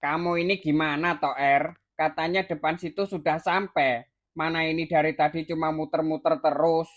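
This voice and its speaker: A woman's voice: low voice, steady tone, normal speed, muffled recording. Woman doing a weary scolding old village dad. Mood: exasperated. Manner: scolding, exasperated. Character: weary disappointed village father, older man. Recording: clear music bed behind voice.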